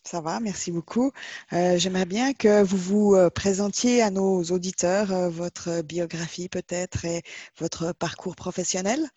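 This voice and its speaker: A woman from Switzerland interviewing a guest for a podcast, polite and pausing often with fillers. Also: on the low side, fairly even intonation, warm tone, dry recording. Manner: polite, many filler pauses.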